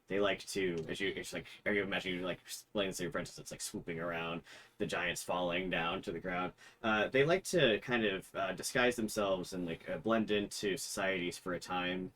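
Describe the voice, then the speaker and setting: A man's voice: low voice, moderate pace, fairly bright tone. A man narrating a tabletop game as game master in a casual, loosely improvised conversational way. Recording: faint background noise.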